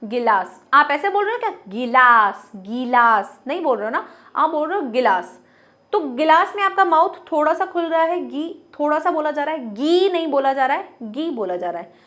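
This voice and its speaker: A young woman with a high voice teaches a Hindi grammar lesson to students. She explains patiently, puts questions to the class and answers them herself. She repeats words again and again to model their sound. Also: expressive, brisk, a bit bright.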